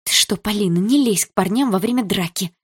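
A woman's voice: mid-range voice, fairly quick, slightly rough, no echo, clean studio sound, pitched above the performer's own voice, lightly acted. A woman voicing a chatty, gossipy teenage schoolgirl who teases her friend. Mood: urgent. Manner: lively, teasing.

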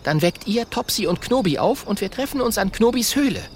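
A man's voice: sits high, very animated, brisk, slight background noise, voice pushed up. A man voicing a plucky, cheeky young male dragon hero in a children's storybook. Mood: urgent.

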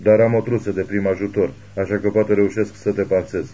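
A man voicing a caring young woman who tends a wounded man with quick, practical questions. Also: lowish voice, steady tone, mellow, close to an everyday voice. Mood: urgent, caring.

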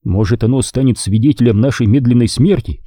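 A man narrating an audiobook, voicing the soldiers' lines himself in a raised pitch. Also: brisk, warm tone, dry recording, clean studio sound.

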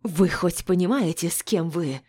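An indignant, servile footman from an audiobook protests loudly, as a woman reads him. The voice is still fairly low. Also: normal speed, breathy edge. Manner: indignant and shrill.

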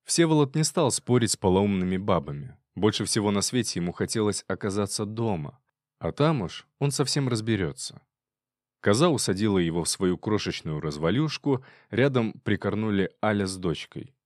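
A man narrating an audiobook in an even storytelling manner. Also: lowish voice, normal speed, dry recording, clean studio sound. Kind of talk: audiobook reading.

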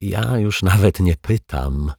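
A man's voice: sits low, expressive, slow, gravelly, darkish tone, husky, no echo, studio quality, exaggerated voice. A man voicing a curious, fussy detective in a children's storybook reading, asking puzzled questions. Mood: skeptical. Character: curious, fussy male detective, quietly bewildered.

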